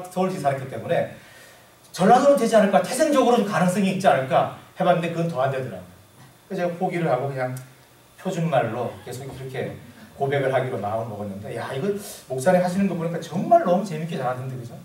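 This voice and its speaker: Emphatic Korean pastor in an echoey hall. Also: male voice, a little high, sing-song, a little mellow, distant mic. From South Korea. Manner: slow, emphatic scripture reading with congregation asides. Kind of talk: sermon.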